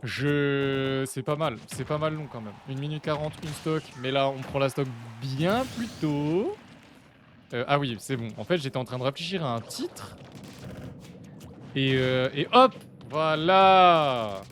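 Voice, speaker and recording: A young man chatting casually on his live stream, excitable and talking to his chat while watching matches. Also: medium pitch, measured pace, a little hiss or hum.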